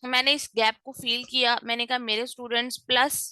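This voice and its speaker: A woman teaches an online lecture in a slightly high, bright voice, moving easily between Hindi-Urdu and English. She speaks slowly and directly and keeps her students encouraged. The sound is dry and close. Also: little pitch movement, clear, resonant tone, dry recording, poor audio. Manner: explains by acting out sample phone calls. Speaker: online course instructor.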